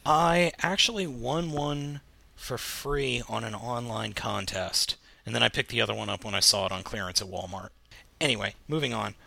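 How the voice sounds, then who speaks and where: A man's voice: mid-range voice, moderate pace, vocal fry, sharp tone, dry recording. An American man co-hosting a casual podcast chat, talking in a slangy, emphatic, jokey way. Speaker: podcast co-host. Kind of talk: casual chat about toy news.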